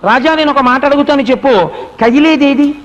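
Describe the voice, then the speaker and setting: A male spiritual speaker voicing a wise, enlightened queen who asks calm, probing questions, recorded in a reverberant hall. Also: very high voice, a little fast, lo-fi sound. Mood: knowing.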